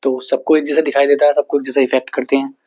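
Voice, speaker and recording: Man teaching grammar slowly, lo-fi. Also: medium pitch, flat delivery, darkish tone. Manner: slow, repetitive explaining with frequent checks. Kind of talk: explaining an English grammar lesson. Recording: dull lo-fi recording.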